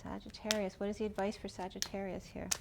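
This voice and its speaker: A woman's voice: mid-range voice, little pitch movement, quick pace, vocal fry, heavy background noise. A woman giving a casual tarot reading, talking through each card as she draws it while losing her voice. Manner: chatty, thinking aloud while drawing cards.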